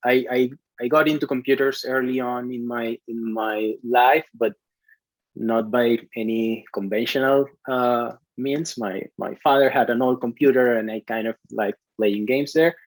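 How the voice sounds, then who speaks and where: A man from Venezuela in his thirties, a CTO answering interview questions in a halting way, full of restarts and fillers. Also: medium pitch, fairly even intonation, no room sound, poor audio. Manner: hesitant, many restarts and fillers. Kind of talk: conversational interview.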